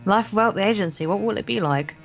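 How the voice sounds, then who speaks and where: A woman with a medium-pitched voice and some vocal fry reads a visual novel's narration aloud at a fast clip, joining as a guest co-player in a casual let's play. She stumbles over words now and then, and the game's guitar music plays behind her.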